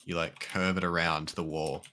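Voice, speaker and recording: A man's voice: sits low, level tone, normal speed, sharp tone. An Australian man chatting casually while building in a game, rambling eagerly through ideas. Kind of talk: casual gaming chat.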